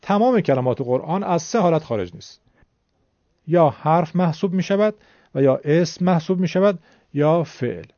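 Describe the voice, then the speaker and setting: Male teacher, patient and polite lesson delivery, slightly raised pitch, lo-fi recording. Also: warm tone, no echo. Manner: patient, addresses viewers politely. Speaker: Quran recitation teacher. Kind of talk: explanatory lesson.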